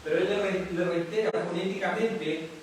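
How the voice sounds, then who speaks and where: Chilean male preacher, high voice, teaching tone, distant mic with heavy room echo. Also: fairly even intonation, normal speed, slight background noise. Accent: Chilean Spanish. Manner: explanatory, repeatedly checks understanding with rhetorical questions. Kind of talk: expository sermon. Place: church hall. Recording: echoey hall from far off.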